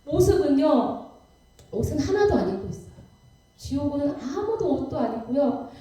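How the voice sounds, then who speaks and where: A woman's voice: sits high, dark tone, recorded from a distance. A woman missionary giving a sermon testimony, telling her story vividly and dramatically in a church. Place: church sanctuary. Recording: echoey church hall from afar.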